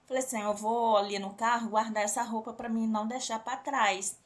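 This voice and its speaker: A woman's voice: on the high side, fairly even intonation, brisk. A woman with a Brazilian accent telling a religious testimony to a congregation, often turning to the listeners as brothers and sisters. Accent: Brazilian Portuguese. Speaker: church member giving a testimony.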